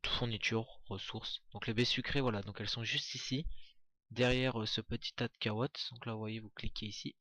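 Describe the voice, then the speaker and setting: A man talks through a game walkthrough in a casual, chatty way, often pausing on fillers and restarting his sentences. His voice sits at an ordinary middle pitch. The sound is dry and close, with no room echo. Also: fairly bright tone. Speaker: gameplay commentator. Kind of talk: casual gameplay walkthrough commentary.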